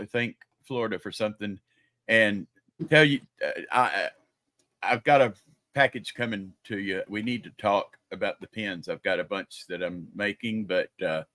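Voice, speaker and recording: A man's voice: on the low side, moderate pace, fairly bright tone, no echo. An older man, a grandfather, chatting casually and telling stories on a livestream. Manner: chatty storyteller. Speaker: livestream panelist. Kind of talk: casual chat.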